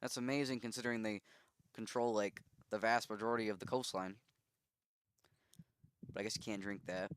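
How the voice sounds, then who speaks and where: A man's voice: on the low side, fairly even intonation, a little fast, long pauses, smooth, dry recording. A man giving casual commentary on a strategy game simulation, musing and thinking aloud with easy asides.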